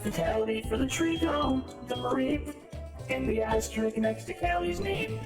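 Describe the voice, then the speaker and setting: A high morphing voice changer. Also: male voice, moderate pace, echoey room, music in the background. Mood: mock-dramatic. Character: high warped voice-changer persona, male. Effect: voice changer morphing his voice high. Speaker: streamer.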